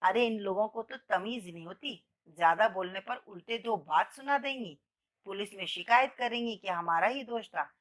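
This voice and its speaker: A woman's voice: mid-range voice, normal speed, fairly bright tone, close to an everyday voice. A woman voicing a rude bus conductor and passengers who scold harshly in a told story.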